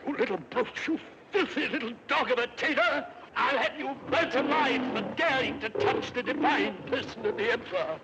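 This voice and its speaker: An actor playing a pompous, cowardly Roman emperor who blusters and commands, in a 1950s film. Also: male voice, extremely high pitch, normal speed, few pauses, lo-fi sound, background noise. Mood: furious. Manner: imperious, blustering, easily frightened. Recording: old film soundtrack with score.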